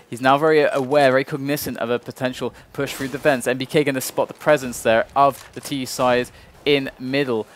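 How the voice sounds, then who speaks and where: Man, esports caster, mid-pitched voice, analytical match commentary, explanatory phrasing, noticeable background noise with clicks.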